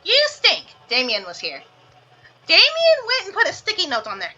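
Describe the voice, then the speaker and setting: A woman's voice: high voice, huge pitch swings, a little fast, pushed and bright, muffled recording, faint music behind. A woman casually playing and reading aloud a story game, teasing her co-player. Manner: playful, teasing, reads text aloud. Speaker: gamer reading a visual novel aloud. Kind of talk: casual gameplay chat.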